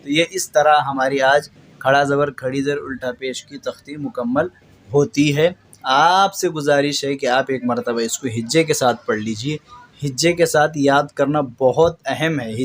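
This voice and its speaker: A patient man teaching a reading lesson, who draws out each word slowly and repeats it, then explains briskly and corrects common mistakes. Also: mid-range voice. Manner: slow drawn-out recitation of words between brisk explanations.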